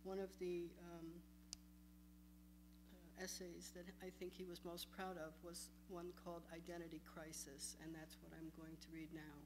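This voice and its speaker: A woman with a lowish, even voice introduces an essay and then reads it aloud in a plain, conversational manner. A steady hum runs clearly beneath her. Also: moderate pace. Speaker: reader at a memorial event. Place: lecture hall.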